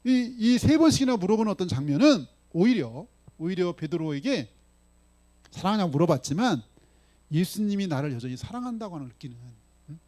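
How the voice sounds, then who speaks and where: A man's voice: high voice, sing-song, brisk, mellow. A male pastor preaching a sermon in a casual, conversational way, often checking in with the congregation. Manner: voices his own lines for Jesus in dialogue.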